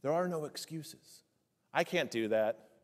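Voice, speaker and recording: Male pastor preaching, slightly high voice, emphatic questions, slows on key lines, long church echo. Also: animated, darkish tone. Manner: asks the congregation many rhetorical questions; slows down to stress key phrases. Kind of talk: sermon. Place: church sanctuary.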